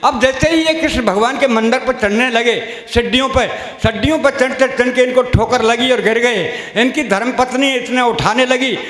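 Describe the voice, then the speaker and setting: A man's voice: extremely high pitch, normal speed, few pauses, a bit bright. A man, performing as a comic poet at a kavi sammelan, telling folksy stories and voicing village characters. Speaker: stage comedy poet. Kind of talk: humorous kavi sammelan storytelling. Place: large stage with audience. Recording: roomy hall reverb.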